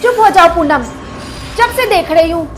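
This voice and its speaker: A woman's voice: extremely high pitch, normal speed, fairly bright tone, faint music behind. A woman playing a kind middle-aged mother-in-law who speaks firmly but affectionately in a family skit. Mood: scolding. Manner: firm but affectionate, lecturing.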